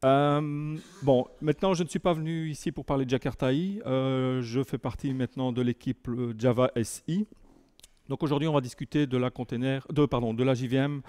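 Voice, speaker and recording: A man's voice: mid-range voice, steady tone, moderate pace, darkish tone. A Belgian man with a French accent from near the Lille border, giving a conference talk to a live audience, hesitant with many fillers and restarts. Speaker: conference speaker. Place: meeting room with an audience.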